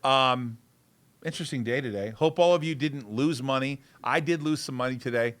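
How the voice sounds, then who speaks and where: A man hosting a casual livestream show, talking in an excitable, rambling way and repeating himself. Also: mid-range voice, normal speed. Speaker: show host.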